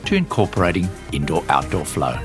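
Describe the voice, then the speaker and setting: A man's voice: sits low, wildly swooping pitch, brisk, loud music behind the voice. A man hosting a podcast, asking short, friendly questions. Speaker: podcast host. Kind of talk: interview hosting.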